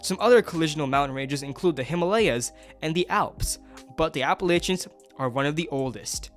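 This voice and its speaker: A man's voice: fairly high pitch, animated, brisk, soft background music. Upbeat young man explaining on a hike. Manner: enthusiastic explainer. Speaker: travel vlogger. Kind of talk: educational hiking vlog. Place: on a mountain trail outdoors.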